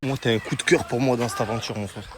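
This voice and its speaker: A man's voice: medium pitch, steady tone, fast. Slangy man running the challenges. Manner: reassuring, brotherly, slangy. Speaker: show organizer running challenges. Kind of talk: casual chat with street slang. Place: outdoors on an island.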